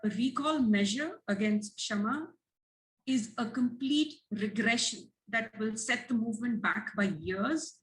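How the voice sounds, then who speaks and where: A woman's voice: a little high, a little slow, low-quality recording. A woman activist giving earnest, emphatic prepared remarks as a guest on a livestream. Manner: earnest, emphatic, listing points.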